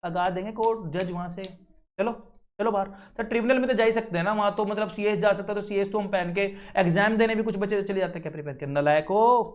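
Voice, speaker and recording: A young Indian man teaching a law lecture, lively and scolding, mixing in English legal phrases. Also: high-pitched, fast talker, hardly any pauses.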